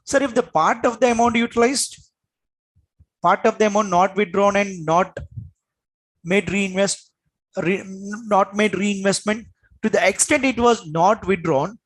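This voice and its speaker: A man's voice: sits high, a little slow, fairly bright tone, rough recording. A man with an Indian accent giving a classroom lecture as an exam coach, in an emphatic, repetitive manner with frequent check-in questions.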